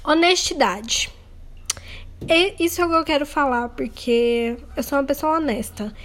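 High-voiced young Brazilian woman podcaster. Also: normal speed, fairly bright tone, slight background noise. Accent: Brazilian Portuguese. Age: young adult. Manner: candid, rambling, self-mocking with nervous laughs. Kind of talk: casual confessional monologue.

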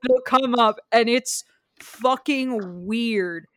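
A woman co-hosting a podcast, talking casually with lively asides, swearing and laughter. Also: on the high side, very slow, slight background noise. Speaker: podcast co-host. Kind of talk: casual chat.

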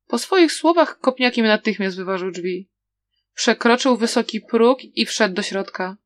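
A woman narrating a storybook with a steady, softly dramatic reading. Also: fairly high pitch, unhurried, dry recording, studio quality. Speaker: audiobook reader.

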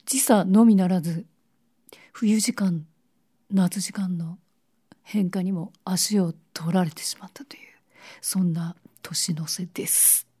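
A woman hosting a casual radio show in a polite way, her voice raspy like a smoker's and hoarse from a lingering cold. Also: lowish voice, fairly even intonation, takes it slowly, dark tone.

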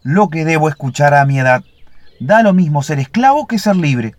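A man voicing a vain, suspicious older male lapwing bird with a shrill, screeching voice in a storybook fable. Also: sing-song, moderate pace, dry recording. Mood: challenging.

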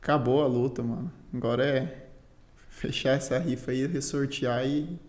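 A man's voice: mid-range voice, normal speed, a little mellow. A Brazilian man telling a story in casual, slangy chat as a guest, peppering his talk with filler words. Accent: Brazilian Portuguese. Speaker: guest, Muay Thai fighter and teacher. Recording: roomy, echoey sound.

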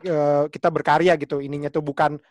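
A man, a stand-up comedian, thinking aloud in casual panel talk with many pauses and restarts. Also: on the high side, level tone, no room sound.

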